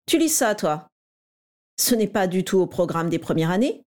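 A woman's voice: on the low side, sing-song, normal speed, darkish tone. A woman voicing a cocky, mocking schoolboy who bullies a younger pupil, in a raised, taunting voice. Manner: taunting, showy.

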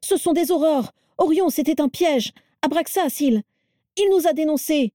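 A woman's voice: mid-range voice, fairly quick, mellow, dry recording, close to an everyday voice. A woman voicing a burly, blustering wizard who grumbles, sneers and panics easily, in a dry storybook reading. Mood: panicked.

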